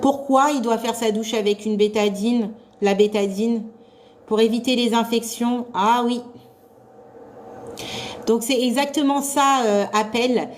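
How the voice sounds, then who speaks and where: A woman leads a live revision class for nursing assistant students in a loud, carrying voice. She talks slowly and sits a little high in pitch, chatty and encouraging as she quizzes her class. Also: fairly even intonation, slight background noise.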